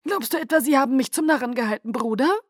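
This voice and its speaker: A woman putting on a high, melodic, eerie vampire lord. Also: animated, fast, no room sound, clean studio sound. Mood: silky, delighted. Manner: melodic, silky and theatrical. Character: ancient male vampire leader, charming and eerie. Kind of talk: audiobook reading.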